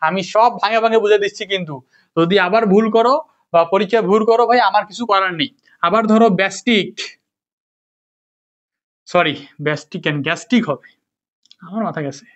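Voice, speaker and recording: A young man with a high voice gives a casual spoken lesson, drilling his students by asking them the same questions repeatedly. He talks fairly quickly and pauses often, and the recording is dull and lo-fi.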